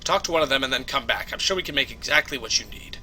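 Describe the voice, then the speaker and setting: A man's voice: mid-range voice, animated, fast, bright, forceful tone, faint music behind. A man voicing a world-weary male bartender at a busy space trade station, speaking dryly and patiently. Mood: lecturing. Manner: dry, patient, lecturing.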